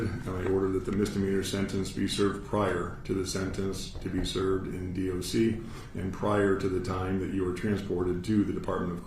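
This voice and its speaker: A man with an American accent speaking as a judge, giving a formal sentencing statement in a measured, matter-of-fact, authoritative way. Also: sits low, darkish tone. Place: courtroom. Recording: echoey room, distant mic, faint noise.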